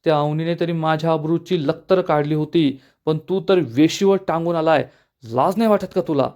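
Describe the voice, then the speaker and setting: A man's voice: on the high side, normal speed, darkish tone, dull audio, lightly acted. A man voicing a confident, defiant middle-aged father standing up to police. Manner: confident, curt.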